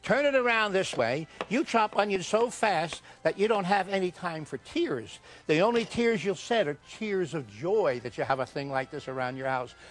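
An older man giving a folksy, emphatic hard-sell TV ad pitch, putting rhetorical questions to the viewer. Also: expressive, normal speed, hardly any pauses. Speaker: TV infomercial pitchman. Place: TV kitchen studio set.

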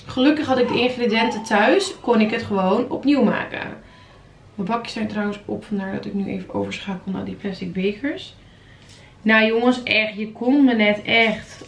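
A chatty young woman vlogging from her kitchen, talking straight to her viewers as she stirs and mixes. Her voice sits a little high, and the room rings back with echo over a faint hum of noise. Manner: chatty, animated, addresses viewers as guys. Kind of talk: casual cooking vlog chat. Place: home kitchen.

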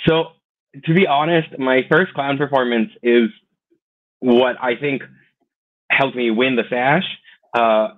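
A man in his thirties with an American accent, chatting playfully as a guest on a video call. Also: mid-range voice. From United States. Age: 30s. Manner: chatty, playful, quick asides. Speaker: guest, teacher and clown. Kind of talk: casual video call interview. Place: small room indoors. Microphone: video call webcam. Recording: tinny phone-like video call.

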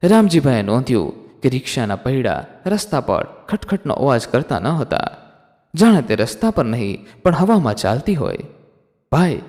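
A man hosting a storytelling channel, reading out viewers' comments and narrating a horror story in a dramatic, expressive way. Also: mid-range voice. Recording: long hall reverb.

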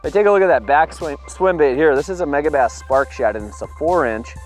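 A man's voice: on the high side, fairly quick, faint music behind. Upbeat man explaining fishing tackle outdoors. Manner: upbeat, explanatory, excited at catches. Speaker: fishing video producer. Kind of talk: on-the-water fishing demonstration. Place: open boat on a lake, outdoors.

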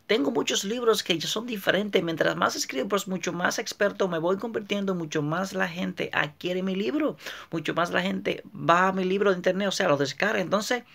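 A man hosting a casual motivational monologue, talking in an animated way and repeating phrases for emphasis. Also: high-pitched, normal speed, creaky. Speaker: motivational video host, author.

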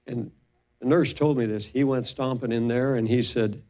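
A man's voice: mid-range voice, steady tone, moderate pace, a little mellow. An older man, a pastor, telling a personal story in a sermon and acting out the voices of the people in it.

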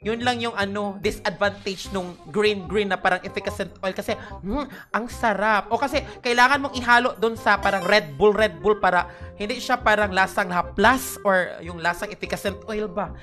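A woman's voice: medium pitch, moderate pace, a bit bright, soft background music. A young woman chatting casually on a game stream, greeting viewers by name with sudden shrieks, tired and with a headache. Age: young adult. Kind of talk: casual live-stream chat.

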